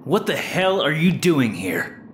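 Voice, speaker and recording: A man's voice: fairly high pitch, very animated, measured pace, slight background noise. A man playing a pragmatic, level-headed adventurer with a matter-of-fact way of talking in an audio drama.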